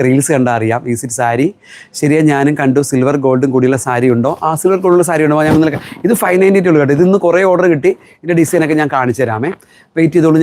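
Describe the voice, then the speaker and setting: A man's voice: mid-range voice, darkish tone. A middle-aged man from Kerala, a shop owner chatting through a live sales stream and answering viewer comments. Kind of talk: live-stream product selling.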